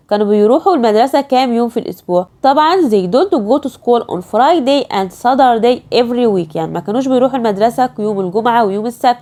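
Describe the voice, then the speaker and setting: A woman English teacher with an Egyptian Arabic accent, reading English exam items slowly and explaining them quickly in Arabic. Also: on the high side, darkish tone. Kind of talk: exam review lesson.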